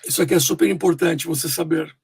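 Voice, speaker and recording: A man teaching English pronunciation online, explaining slowly with many fillers and pauses. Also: on the high side, steady tone, gravelly, a little mellow, breathy edge, no echo.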